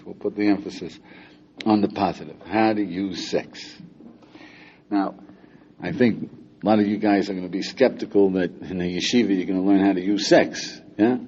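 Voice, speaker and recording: Older rabbi guy lecturing students, low dark voice, teasing and chatty, dull old lo-fi tape. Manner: conversational, teasing, asks listeners questions often. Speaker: rabbi teaching a class. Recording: dull lo-fi lecture recording with faint hiss.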